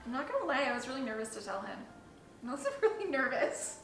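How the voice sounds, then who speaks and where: At home, a young woman co-hosting a video chats to the camera in a candid, playful way, emphasizing things dramatically. Her voice sits high, quick and sing-song, in a room with noticeable echo and faint music behind her.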